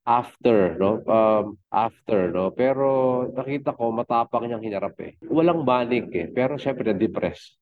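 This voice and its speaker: A man's voice: medium pitch, expressive, a little slow. A middle-aged man, a fitness coach and father, talking as a guest in a casual interview, rambling with many fillers and restarts. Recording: tinny phone-like line.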